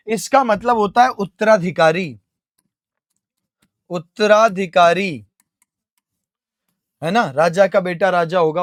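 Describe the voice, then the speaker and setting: A young man with an Indian accent teaching an English vocabulary lesson, explaining each answer step by step, asking and answering his own questions and spelling words out slowly letter by letter. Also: sits high, no room sound, studio quality.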